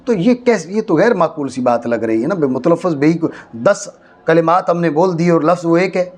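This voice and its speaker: His fairly high voice darkish in tone and lively in intonation, a man from Pakistan teaches Arabic grammar in a madrasa classroom. He regularly asks whether students follow and stresses points by slowly repeating key phrases.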